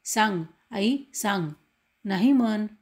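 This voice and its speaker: A woman's voice: mid-range voice, slow, close to an everyday voice. A woman voicing a remorseful young boy who pleads tearfully with his mother, read as a storybook. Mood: pleading.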